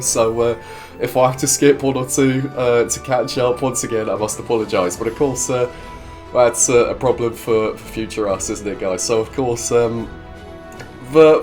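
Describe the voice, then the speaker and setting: Hosting a video game series despite a cold that leaves him congested, a man narrates his building in cheerful, chatty, rambling gameplay commentary. His voice is mid-range with a darkish tone.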